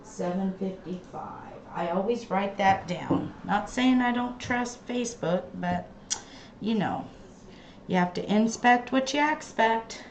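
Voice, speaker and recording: A woman hosting a casual livestream from her craft room, chatting slowly and trailing off, her voice hollow and tinny like inside a tin can. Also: medium pitch. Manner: slow, chatty, trailing off mid-sentence. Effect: hollow tinny sound, like inside a tin can. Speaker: livestream host. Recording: echoey, dull lo-fi stream audio with faint background noise.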